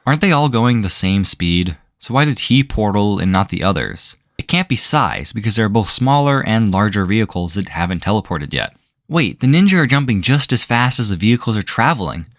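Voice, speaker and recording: A man's voice: on the low side, very animated, brisk, no echo. A man giving sarcastic video commentary as a reviewer, with a dry, incredulous way of asking questions.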